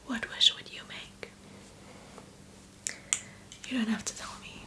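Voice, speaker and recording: A woman doing a whispered role-play as a spa massage host, speaking in a soft, soothing, gentle whisper. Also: slow pace.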